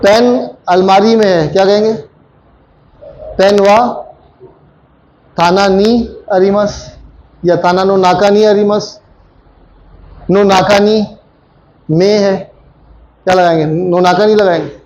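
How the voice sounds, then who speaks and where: High-voiced male teacher quizzing a class. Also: steady tone, slow, long pauses, darkish tone, slight background noise, rough recording. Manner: repeats phrases and quizzes students with questions. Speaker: Japanese language teacher. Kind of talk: classroom grammar lesson.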